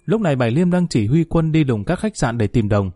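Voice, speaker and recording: A man reading a story aloud in a steady, even narrating voice. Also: mid-range voice, a little fast, no echo, faint music behind. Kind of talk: scripted narration.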